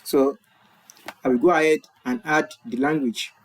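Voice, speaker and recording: Speaking at a normal speed with a steady tone and medium pitch, this tutorial presenter is a Nigerian man whose first language is Yoruba. He explains an online form during a screen share, repeating himself and fixing his own slips, while a corner webcam captures his voice.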